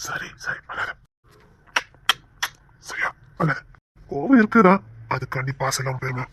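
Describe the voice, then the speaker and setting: A woman's voice: on the low side, fast, fairly bright tone, no room sound. A woman voicing a young husband, a reformed brawler, coaxing and pleading with his wife in an audio drama. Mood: tender soothing. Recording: dull dry lo-fi recording.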